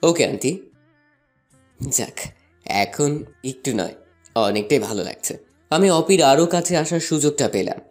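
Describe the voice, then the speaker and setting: A man's voice: fairly high pitch, lively intonation, unhurried, pauses often, a little mellow, faint music behind. A young man narrating a first-person love story and voicing a playful, teasing student in an audio drama. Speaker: narrator and lead voice actor.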